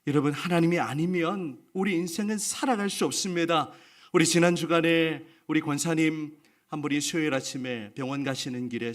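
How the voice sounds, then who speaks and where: A male pastor preaching a sermon, earnest and putting questions to the congregation. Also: a little high.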